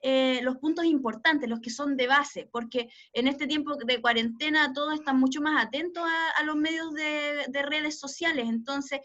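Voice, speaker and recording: A woman's voice: high-pitched, steady tone, normal speed, hardly any pauses, a bit bright, lo-fi sound. A woman in the audience asking an earnest question with frequent fillers.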